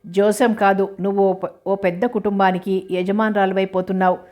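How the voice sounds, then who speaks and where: A woman's voice: medium pitch, level tone, fairly quick, dark tone, lightly acted. A young woman who teases and comforts her friend in turn, played by a woman reading a story. She keeps her voice level, without big swings. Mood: teasing. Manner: teasing, reassuring. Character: young woman, teasing loyal best friend.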